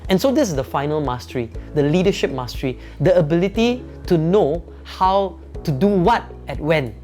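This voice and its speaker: A man's voice: fairly high pitch, lively intonation, normal speed, a little mellow, soft background music. A man, a company founder giving an emphatic motivational talk on leadership, often adding "right?" tag questions.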